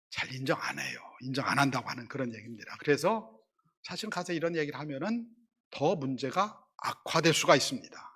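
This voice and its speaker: A man's voice: on the high side, fairly bright tone, breathy edge. A male pastor preaching a sermon in a conversational way, asking the congregation questions and acting out quarrelling voices in quotes. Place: church sanctuary.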